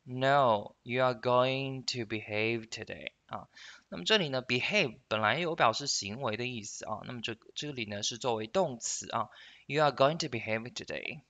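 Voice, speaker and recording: Male English teacher, clear bright timbre, patient explainer who models phrases slowly for practice. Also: medium pitch, animated, highs cut off. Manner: sentences end in soft drawn-out particles. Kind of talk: explanatory language lesson.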